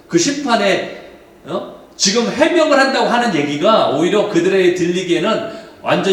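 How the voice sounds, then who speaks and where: Lively high-voiced pastor in an echoey church. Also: male voice. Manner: explanatory, asks the congregation questions. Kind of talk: sermon. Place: church sanctuary. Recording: echoey hall from far off.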